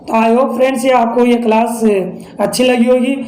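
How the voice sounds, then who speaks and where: A man's voice: very high voice, flat delivery, moderate pace, darkish tone. Male teacher, patient and repetitive classroom delivery, recorded in a reverberant room. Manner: patient, repetitive explaining, addresses viewers as friends. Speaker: English pronunciation teacher. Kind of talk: online classroom lesson. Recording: echoey room.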